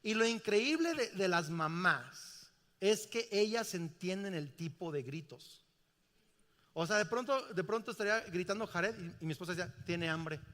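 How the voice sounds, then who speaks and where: A man's voice: high-pitched, animated, moderate pace, a bit bright. A middle-aged man, preaching a sermon emphatically and asking the congregation questions. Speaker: pastor. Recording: reverberant church hall.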